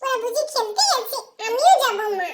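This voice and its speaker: A woman doing a tiny giggly boy's voice, very high. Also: lively intonation, a little fast, fairly bright tone. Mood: curious. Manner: babyish, giggly, calling out and teasing. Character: small cheeky boy, playful, clingy with his mother. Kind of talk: playful home role-play.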